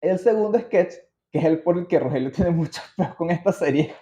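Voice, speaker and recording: Animated and fairly quick, this man's dark-toned voice sits on the high side, carrying a Venezuelan accent as he hosts a podcast. He works casually from his notes with slang and tangents. The audio sounds muffled and roomy.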